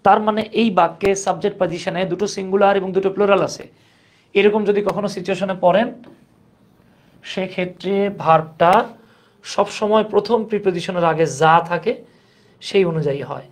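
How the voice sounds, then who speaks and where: A man teaching English grammar in a relaxed, conversational way, asking students questions and joking along. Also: high-pitched, normal speed, long pauses. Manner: conversational, asks the class questions, jokes. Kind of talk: grammar lesson.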